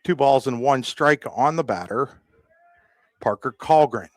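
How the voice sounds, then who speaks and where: A man doing live play-by-play of a high school baseball game, a little out of breath, with a conversational manner and apologetic asides. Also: unhurried, no room sound. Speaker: play-by-play announcer.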